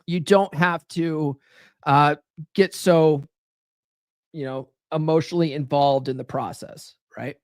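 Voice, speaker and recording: Rambling and profane, a podcast host with a fairly high voice works through a casual live-stream monologue, leaning on fillers and repeatedly asking the listener "right?" His delivery is slow and smooth with fairly even intonation. The sound is dry and close, with almost no room around it.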